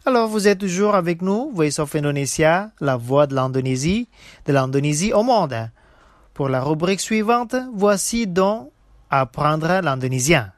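A woman presenting a scripted radio language lesson, speaking slowly and repeating each phrase twice. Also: low voice, expressive.

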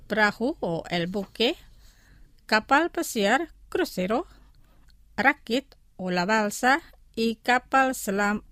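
A woman hosting a scripted language lesson, saying each word twice and then explaining it in a slow, deliberate way. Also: mid-range voice, a bit bright, no echo, studio quality.

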